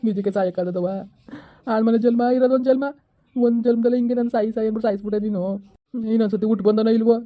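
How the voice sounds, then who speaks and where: A woman's voice: a little high, steady tone, rapid-fire, narrow, tinny audio, natural voice. A woman playing a lazy village husband who fawns over and pleads with his wife, in a comedy skit. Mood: pleading. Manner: fawning then pleading.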